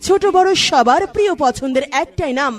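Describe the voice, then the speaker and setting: Very high Bangladeshi female ad announcer. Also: expressive, a little fast. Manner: slogan-chanting sales patter. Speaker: advertisement announcer. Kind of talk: scripted promotional ad read.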